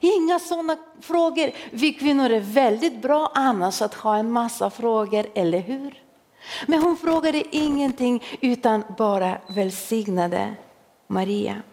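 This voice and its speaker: A woman's voice: on the high side, lively intonation, a little mellow. A woman in her forties preaching a sermon to a congregation, humorous and self-mocking, laughing along with the listeners. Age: 40s. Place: church hall. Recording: long hall reverb.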